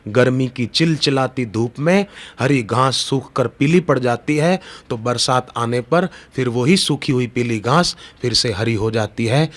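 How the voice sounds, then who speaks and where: A middle-aged man delivers a devotional discourse at an unhurried pace. He moves between plain storytelling and slow, drawn-out chanting of sacred verses. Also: mid-range voice. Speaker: spiritual preacher.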